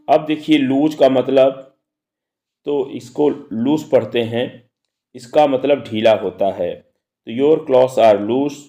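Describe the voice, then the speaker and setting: Male English tutor, mellow tone, slow and patient dictation with frequent check-ins. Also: medium pitch. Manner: dictates English example sentences slowly, then explains in Hindi; frequent checking tags like "theek hai". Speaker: English teacher. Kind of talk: classroom lesson.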